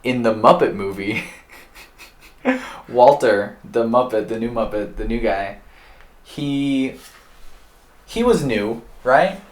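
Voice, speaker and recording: A man's voice: mid-range voice, expressive, takes it slowly, long pauses. Joking young man in an echoey room. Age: young adult. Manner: joking, sarcastic. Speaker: podcast guest. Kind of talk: casual chat.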